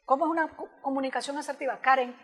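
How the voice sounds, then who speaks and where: A woman with a high voice talks as a communication specialist in an interview. She explains in an animated way and speaks informally and directly to the host. A long reverb trails after her words. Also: normal speed, breathy edge. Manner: animated, acts out example dialogues in other voices.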